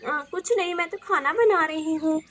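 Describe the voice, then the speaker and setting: A woman's voice: very high-pitched, normal speed, a bit bright, slight background noise. A woman voicing a meek, hardworking young village wife who hesitates and stammers, in a doll video role-play. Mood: nervous.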